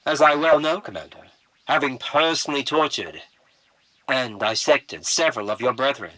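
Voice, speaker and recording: An actor playing a ruthless, arrogant starship captain in an audio drama, commanding and smug in a clipped delivery. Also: male voice, medium pitch, normal speed, bright, forceful tone, no echo, close to an everyday voice, poor audio. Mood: smug, menacing. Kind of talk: dramatic audio comic acting.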